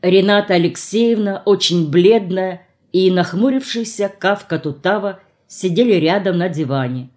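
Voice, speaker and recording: A woman narrating a novel in the first person, in a measured, expressive audiobook reading. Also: medium pitch.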